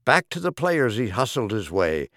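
In a dry, studio-quality recording, a male audiobook narrator gives humorous rhyming poems a theatrical, rhythmic reading. His mid-range voice is very animated and fairly bright, and his speed is normal.

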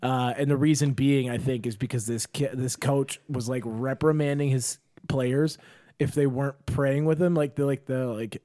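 A young man and former high school coach, co-hosting a podcast in casual chat, rambling and swearing while acting out quotes. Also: fairly even intonation, normal speed, mellow. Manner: rambling, profane, acts out quotes.

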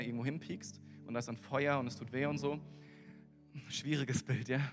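A man preaching a sermon in an earnest, conversational way, speaking directly to his listeners. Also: mid-range voice. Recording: echoey hall with music behind.

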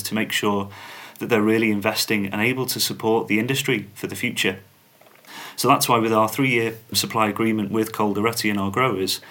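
Low-voiced man, measured corporate answers. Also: fairly bright tone. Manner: measured, corporate, uses fillers. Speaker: podcast guest, company spokesman. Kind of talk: interview answers.

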